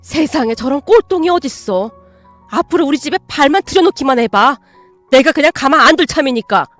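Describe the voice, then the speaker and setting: A furious middle-aged mother shouts and scolds in a loud, raised voice, as a woman acts her out. The voice is bright and lively, with dry sound and faint music behind it. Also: high voice, brisk, dry recording. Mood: fuming.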